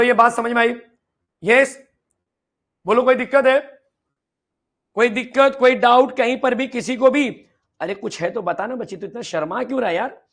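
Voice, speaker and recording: A man teaching chemistry in an online lecture, lively and playfully teasing, asking students questions and answering for them. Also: high-pitched, gravelly.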